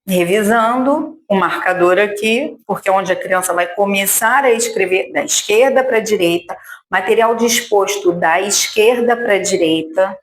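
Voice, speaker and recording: A Brazilian woman teaching speech therapy, demonstrating at a table, patiently drawing out syllables and checking in with the viewer. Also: mid-range voice. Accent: Brazilian Portuguese. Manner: slow and patient, syllables drawn out, frequent check-ins with the viewer. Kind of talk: slow, deliberate instructional demonstration. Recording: echoey room with faint noise.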